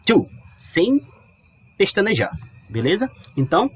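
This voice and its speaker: A man teaching English in a casual, chatty way, slowing down to model pronunciation. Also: on the high side, breathy edge, dry recording. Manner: lively, chatty, stretches English words slowly to model pronunciation. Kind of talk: casual explanatory lesson. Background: dog barking outside.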